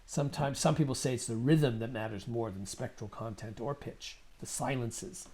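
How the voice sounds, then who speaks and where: A man's voice: medium pitch, moderate pace, darkish tone, breathy edge. A man in conversation as an interview guest, talking in a thoughtful, rambling way and often repeating words while he thinks. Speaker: musician and guest.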